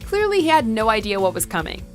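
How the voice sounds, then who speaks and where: Woman, scripted countdown narration, animated pitch, faint music behind. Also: fast.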